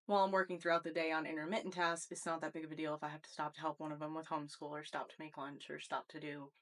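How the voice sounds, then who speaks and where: A woman's voice: low voice, level tone, racing, a bit bright. A woman in her thirties co-hosting a casual podcast, laughing often and explaining at length. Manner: laughs often, talks things through in long stretches. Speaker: podcast co-host. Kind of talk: casual chat.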